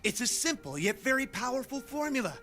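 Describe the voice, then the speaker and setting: High, theatrical, impassioned math teacher. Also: male voice, very animated, fairly quick, pushed and bright, exaggerated voice. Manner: theatrical, earnest. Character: passionate, idealistic male math teacher, prone to despair. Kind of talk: dramatic dubbed lecturing.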